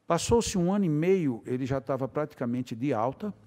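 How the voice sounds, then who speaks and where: A man's voice: mid-range voice, expressive, moderate pace, warm tone. A man with a Brazilian Portuguese accent giving a talk at a spiritist center, telling anecdotes and acting out both sides of the dialogue. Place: lecture hall. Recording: long hall reverb.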